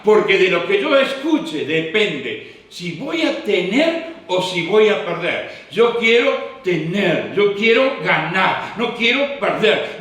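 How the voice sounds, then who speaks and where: A man's voice: high voice, pushed and bright. A man, preaching a sermon as pastor with a fervent, repetitive cadence. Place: church hall. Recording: echoey hall, distant mic.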